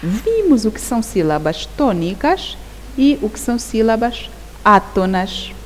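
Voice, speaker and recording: A woman teacher explains a grammar lesson at an unhurried, deliberate pace. Her pitch moves in wide, lively swings as she keeps asking the class whether they follow. The recording carries a long reverb tail and a faint, steady hiss. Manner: slow, deliberate, repeats key words and asks "Perceberam?". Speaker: primary school teacher.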